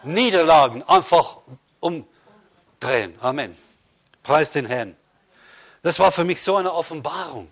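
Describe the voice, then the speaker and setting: A man preaching a sermon with fervour, swelling into loud proclamations and repeated Amens and Hallelujahs. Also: a little high, expressive, a little slow, long pauses.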